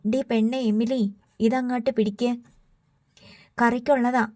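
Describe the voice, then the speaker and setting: A tired gruff fisherman father as a woman reads him, homely rough speech, fond, mellow tone, higher voice, audiobook. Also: little pitch movement, unhurried, lightly acted.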